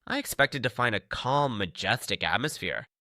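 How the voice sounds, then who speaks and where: A man's voice: mid-range voice, expressive, moderate pace, bright, forceful tone, no echo, clean studio sound. A man reading a stubborn young disciple. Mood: determined. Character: young male martial arts disciple, stubborn and determined.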